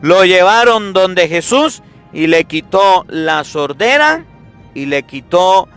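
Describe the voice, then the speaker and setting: Animated priest preaching, high bright voice. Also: male voice, slow, clean tone, soft background music. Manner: animated storytelling, acting out everyday dialogues. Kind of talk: sermon.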